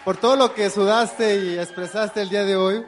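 A man's voice: high voice, steady tone, normal speed, a little hiss or hum. A man giving polite, formal thanks to a speaker on behalf of the organizers. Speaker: event organizer.

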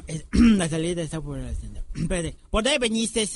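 A man's voice: a little high, sing-song, moderate pace, slight background noise. A man playing a scheming, rambling cave fee collector who mangles words, in a radio comedy sketch. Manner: rambling, full of word mix-ups and fillers.

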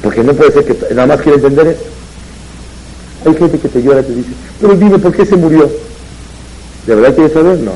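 Mellow-voiced rabbi telling stories. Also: male voice, medium pitch, fast, a little hiss or hum, low-quality recording. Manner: storytelling, rising and louder on emphatic points. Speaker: rabbi giving a Torah talk. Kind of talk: religious lecture with anecdotes.

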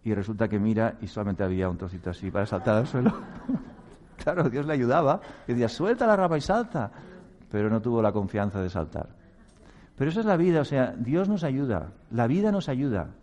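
Warm-voiced man giving a reflective talk. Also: fairly low pitch, expressive, fairly quick. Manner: earnest, chuckles at himself, acts out quoted voices. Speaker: speaker on meditation.

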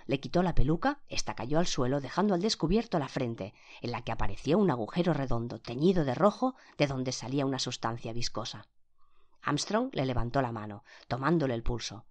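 Lively-pitched Spanish audiobook narrator. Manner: acts each character's quoted lines with pitch and loudness shifts.

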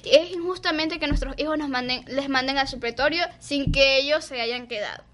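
An outraged mother arguing with school staff in a high, piercing voice, as a young woman mimics her. She protests loudly that she has waited all morning. The tone is shrill and insistent. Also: a little fast. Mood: indignant. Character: indignant middle-aged mother arguing with a teacher.

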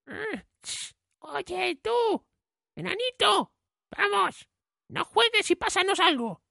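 Bumbling storybook thief, gravelly and stammering, slow with wild pitch swings. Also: male voice, very animated, pushed and bright, dry recording, clean studio sound, full character voice. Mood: gruff. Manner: stammering, hesitant. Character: bumbling nervous male thief.

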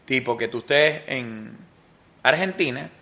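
A man's voice: medium pitch, expressive, unhurried, vocal fry, pushed and bright. A man, co-hosting a casual podcast chat, joking and slangy, fond of repeating phrases for comic effect. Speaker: podcast co-host.

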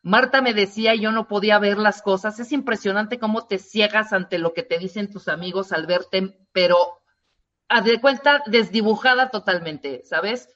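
A woman, a co-host chatting in an expressive, emphatic way. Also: medium pitch, normal speed, dull audio. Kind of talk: casual chat.

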